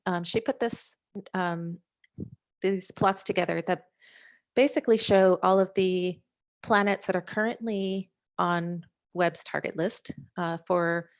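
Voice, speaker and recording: A woman scientist presenting slides over a video call, talking in a halting way with frequent fillers and restarts. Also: lowish voice, gravelly. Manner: hesitant, many fillers and restarts. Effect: heard over a video call. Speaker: scientist presenting a working-group overview.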